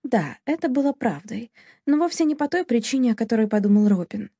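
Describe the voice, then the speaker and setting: A woman narrates an audiobook in a steady, dramatic storytelling manner. Her voice is dark and mellow. The recording is close and dry. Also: fairly high pitch, brisk, breathy edge, no room sound. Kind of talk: scripted narration.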